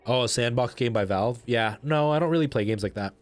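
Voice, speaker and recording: A man hosts a video game livestream, chatting casually and enthusiastically with viewers as he plays. His voice is medium-pitched and brisk, with soft music in the background.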